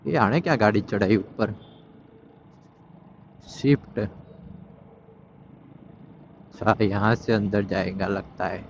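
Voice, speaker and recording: A man's voice: fairly low pitch, slow pace, pauses often. Chatty man vlogging from a motorbike. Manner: chatty, scolding traffic offenders, mixing in Hindi phrases. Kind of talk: casual running commentary while riding. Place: on a motorbike in city traffic outdoors. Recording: dull lo-fi audio with faint traffic noise.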